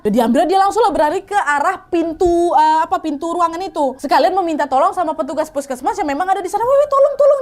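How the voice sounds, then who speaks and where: A woman telling a horror story in a chatty, casual way, often speaking straight to her listeners. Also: extremely high pitch. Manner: chatty, addresses listeners directly.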